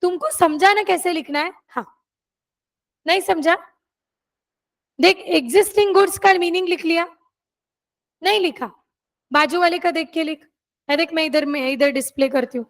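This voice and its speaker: A woman's voice: very high-pitched, normal speed, long pauses, a bit bright. A woman law teacher, dictating notes in a classroom and checking that students have written them down.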